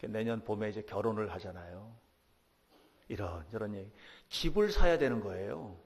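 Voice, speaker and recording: Middle-aged pastor, gravelly, in a reverberant hall. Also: male voice, on the low side, moderate pace. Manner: animated storytelling, acting out quoted voices. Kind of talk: sermon. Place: church sanctuary.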